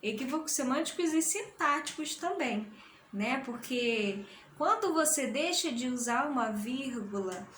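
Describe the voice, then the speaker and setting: A Brazilian woman teacher gives a recorded lesson, speaking at an unhurried, deliberate pace and stopping often to check that her students follow. Her voice sits high and sounds clear and bright, and the room gives it a noticeable echo. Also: lively intonation, a little hiss or hum. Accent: Brazilian Portuguese. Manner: patient, explanatory, often checks understanding. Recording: roomy echo.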